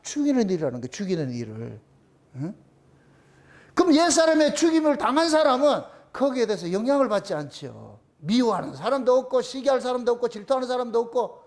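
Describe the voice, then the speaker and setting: Speaking with a Gyeongsang Korean accent, a man preaches as a pastor in a very high, sing-song voice with a darkish tone, moving a little fast. He asks his congregation questions and supplies the answers, driving points home through emphatic repetition of phrases.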